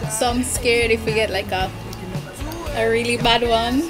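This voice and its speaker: High-pitched young woman, casual candy-tasting chat. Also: steady tone, normal speed. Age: young adult. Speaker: challenge video host. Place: bedroom, indoors. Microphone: camera across a small table. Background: music in the background.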